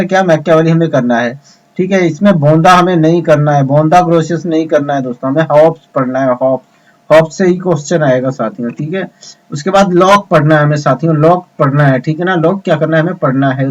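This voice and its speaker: Man, teacher, exam coaching lesson, repetitive, rhetorical questions, slightly high voice, dull lo-fi sound. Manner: repetitive, addresses students as friends, rhetorical questions.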